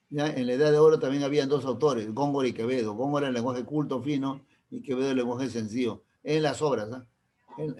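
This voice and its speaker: Lecturing his class, a man with a Peruvian accent frequently checks on his students and uses everyday examples to explain things. He has a warm, medium-pitched voice.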